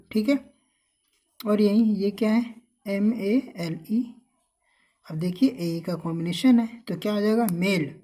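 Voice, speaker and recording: Slow, mellow-voiced woman teaching phonics. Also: fairly high pitch. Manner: repeats questions and answers, drilling words. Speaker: English reading teacher.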